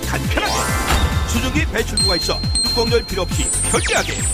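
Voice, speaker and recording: A woman narrating a hard-sell shopping ad in an urgent, exclamatory sales pitch. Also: very animated, brisk. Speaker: TV shopping ad voice-over announcer. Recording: loud backing music. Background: loud music.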